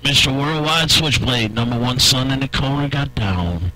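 A man's voice: medium pitch, moderate pace, pushed and bright, low-quality recording. A man bantering on CB radio, teasing and scolding another operator. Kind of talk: CB radio chatter.

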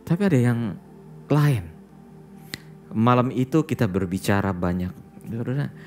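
A pastor delivers a sermon in a conversational, storytelling way, turning to his listeners again and again as he speaks. His voice rises and falls with lively intonation, and he slips English words into his talk. Faint music plays behind him. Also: medium pitch, measured pace. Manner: storytelling, often addresses listeners as "saudara"; mixes English words into speech.

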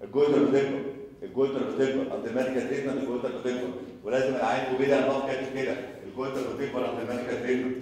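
A male surgery lecturer with an Egyptian Arabic accent who talks quickly, repeats himself and quizzes his students with rhetorical questions. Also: medium pitch, level tone, darkish tone, a little hiss or hum. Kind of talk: recorded lecture. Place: lecture hall. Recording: echoey lecture hall from far off.

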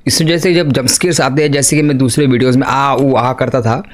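A man's voice: mid-range voice, steady tone, quick pace. A man gives horror gameplay commentary in a mid-range voice, talking straight into a desk mic. He chats to his viewers and keeps calling them "guys". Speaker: gaming YouTuber. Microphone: desk microphone.

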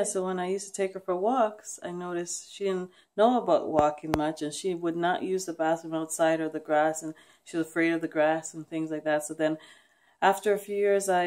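A woman speaks in a fairly low, soft-edged and mellow voice. She sounds sad and worn down, talking hesitantly and casually, as if confiding in viewers of a personal vlog. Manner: subdued, hesitant, halting. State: sad, emotionally weary. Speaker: vlogger. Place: wood-panelled basement room at home, indoors. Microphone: handheld camera at arm's length.

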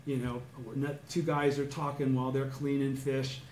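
A middle-aged man from Southern California tells a personal story to a small study group. He acts out his own past words, sometimes shouting or chanting. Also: mid-range voice, little pitch movement, moderate pace. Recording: echoey room with faint background noise.

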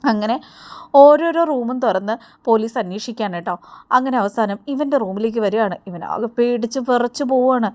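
A woman's voice: on the high side, fairly quick, darkish tone, no room sound. A woman casually retelling a television serial, chatting directly to her listeners. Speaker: serial recap narrator. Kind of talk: casual storytelling recap.

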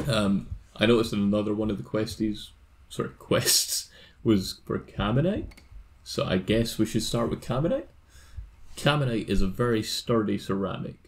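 Relaxed low-voiced man chatting over a game. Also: creaky. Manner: relaxed, reads quest text aloud, chuckles often. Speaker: co-host of a gaming series. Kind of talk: casual gameplay chat.

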